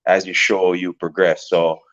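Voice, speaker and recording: A man in his thirties from Jamaica, a professional soccer player talking casually as a guest, relaxed and rambling with lots of fillers and repeated words. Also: low-pitched, unhurried, muffled recording. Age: 30s. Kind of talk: casual interview talk.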